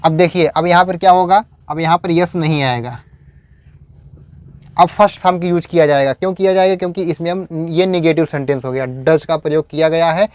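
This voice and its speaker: A man teaching English in a video lecture, explaining step by step and saying example sentences slowly. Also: on the high side, smooth, dry recording.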